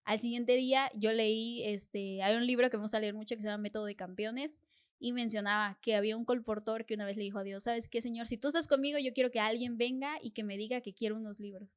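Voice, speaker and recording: A woman's voice: fairly high pitch, steady tone, fast talker, clean tone. Earnest young woman sharing a faith story. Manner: earnest storytelling, acting out her prayers as dialogue. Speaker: podcast guest. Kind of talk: personal faith testimony.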